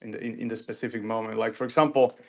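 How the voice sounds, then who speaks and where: Male panel guest, mid-pitched, loose casual talk, heavy on "you know". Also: steady tone, rapid-fire, vocal fry, a little mellow. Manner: filler-heavy, repeats "you know" and restarts.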